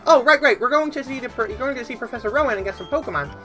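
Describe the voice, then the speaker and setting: A woman voicing a hyper, caffeinated young boy in a high, sped-up chipmunk-like voice while playing a video game. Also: soft background music. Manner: rushed, excitable. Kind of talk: let's play voice acting.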